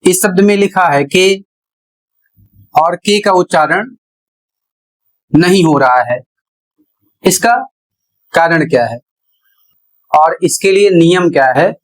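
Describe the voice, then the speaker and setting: A man with a high voice walks through a lesson at an unhurried, careful pace. He spells out each word letter by letter, like a patient classroom teacher. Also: low-quality recording. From India. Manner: deliberate, spells words out letter by letter. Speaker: English teacher. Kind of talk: slow classroom explanation.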